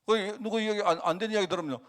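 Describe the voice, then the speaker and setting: A man's voice: high-pitched, racing, a bit bright. A male pastor preaching a conversational sermon in a church, often asking the congregation rhetorical questions.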